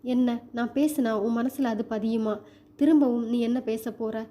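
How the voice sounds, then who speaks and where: A woman's voice: on the high side, steady tone, unhurried, warm tone, close to an everyday voice. A woman voicing a resentful young daughter who speaks sullenly and bitterly.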